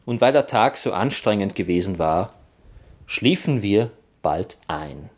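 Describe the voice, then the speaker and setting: Slow, lively male storyteller. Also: lowish voice. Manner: expressive, playful first-person storytelling. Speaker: narrator. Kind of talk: reading a children's story aloud.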